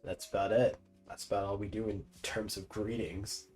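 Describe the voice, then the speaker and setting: With faint game music in the background, a young streamer gives amused, casual commentary on his playthrough, full of slang and curse words. He speaks at a moderate pace in a fairly low, level, slightly mellow voice.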